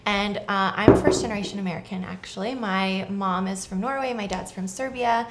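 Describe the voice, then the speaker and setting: A woman's voice: mid-range voice, fairly quick, noisy background. A young woman from southern Florida, co-hosting a casual chat and talking in a chatty, rambling way with lots of fillers. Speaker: co-host.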